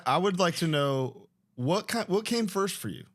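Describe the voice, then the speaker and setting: A man's voice: sits high, moderate pace. Jokey male podcast co-host. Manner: jokey, relaxed, asks questions. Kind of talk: casual interview chat.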